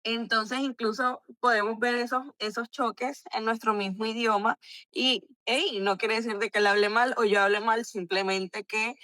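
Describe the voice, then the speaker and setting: A woman's voice: fairly high pitch, steady tone, moderate pace, bright, forceful tone, no room sound. Explanatory woman from Barranquilla, dry sound. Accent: Colombian coastal Spanish. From Barranquilla, Colombia. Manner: explanatory, hesitant, many "eh" fillers. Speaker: book club member with a linguistics background. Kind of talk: casual book club discussion.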